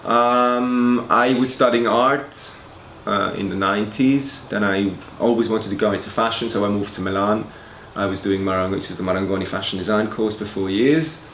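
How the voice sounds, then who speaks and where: A man's voice: on the low side, steady tone, normal speed, a bit bright. A man in his forties from Switzerland, a fashion school's director of education, answering interview questions hesitantly and often repeating words. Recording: echoey room, faint noise.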